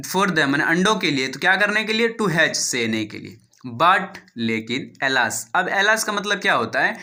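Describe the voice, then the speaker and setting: A man's voice: high voice, pushed and bright. A man with an Indian accent teaching English, reading a story line by line, translating each phrase, spelling out words and asking and answering his own questions.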